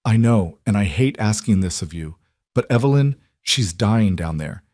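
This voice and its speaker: A man voicing a huge, gentle man, exhausted but determined, talking steadily and softly. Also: on the low side, expressive, normal speed, dry recording, studio quality, lightly acted. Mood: desperate.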